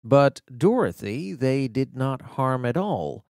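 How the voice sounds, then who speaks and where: A man's voice: medium pitch, no room sound, studio quality. A man reading a children's fantasy story aloud as an audiobook narrator. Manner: slow, animated storytelling. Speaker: audiobook reader.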